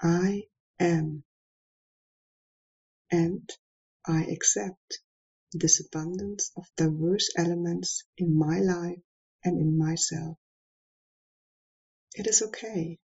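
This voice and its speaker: A woman leading a guided meditation, giving soft, calm instructions with long pauses. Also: on the low side, husky, lo-fi sound.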